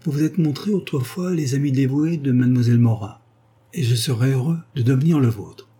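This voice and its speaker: A man reading aloud, voicing a wealthy, courteous American gentleman who speaks formally. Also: medium pitch, fairly quick, husky, pitched above the performer's own voice, natural voice.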